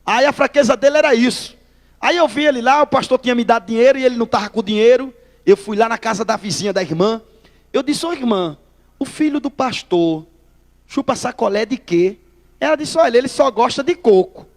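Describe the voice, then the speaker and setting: High-voiced man preaching. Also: fast talker, vocal fry, in a large hall. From Northeast Brazil. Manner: lively storyteller acting out dialogue, addresses listeners as brother. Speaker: preacher giving testimony. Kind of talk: sermon testimony.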